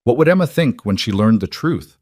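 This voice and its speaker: A man reading a story aloud as narrator, in a measured storytelling manner. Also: medium pitch, animated, darkish tone. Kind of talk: scripted narration.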